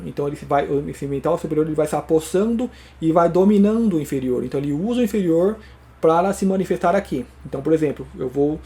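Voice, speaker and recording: A man's voice: fairly high pitch, vocal fry, dark tone. A man gives a reflective spiritual talk, answering viewer questions and thinking aloud with frequent tag questions. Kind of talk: reflective spoken monologue.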